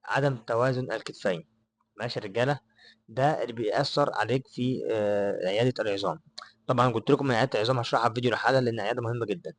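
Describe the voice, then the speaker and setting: Fast-talking Egyptian man explaining. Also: mid-range voice, no echo. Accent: Egyptian Arabic. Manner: loose and repetitive, often checking in with listeners. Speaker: advice vlogger. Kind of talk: unscripted explainer to camera.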